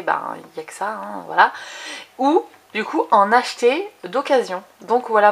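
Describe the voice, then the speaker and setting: A woman's voice: medium pitch, a bit bright. Chatty woman vlogger, filler-heavy. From France. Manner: chatty, lots of fillers and restarts. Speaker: book vlogger. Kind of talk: casual book haul chat.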